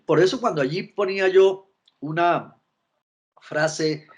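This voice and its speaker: A man's voice: high-pitched, slow pace. A middle-aged man giving a virtual lecture on emotional intelligence, often restarting his words and checking in with his listeners. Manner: frequent restarts and repeated words, asks listeners for agreement.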